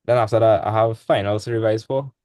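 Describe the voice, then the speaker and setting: A man's voice: lowish voice, steady tone, fast talker, a little mellow, dry recording. A young man, tutoring maths in a casual online class. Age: young adult. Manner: casual, laid-back teaching with dialect speech. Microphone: video call.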